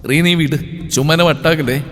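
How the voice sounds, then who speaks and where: A man voicing an impulsive, heartbroken young brother in an audio story, in a lowered, earnest voice. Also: fairly even intonation, moderate pace, fairly bright tone. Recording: reverberant with faint music.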